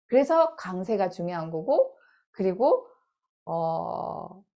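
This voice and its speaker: A middle-aged woman's mid-range voice moves with lively intonation as she leads a casual phonics lesson. She explains slowly, repeating sounds aloud so learners can hear how they go.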